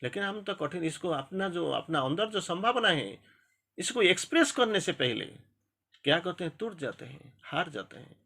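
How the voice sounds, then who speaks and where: A man's voice: high-pitched, very animated, normal speed, pushed and bright. A man giving a motivational spiritual talk, exhorting his listeners with repeated phrases and English sayings, speaking Hindi with an Odia-influenced accent. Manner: exhorting, repetitive, mixes English maxims into Hindi.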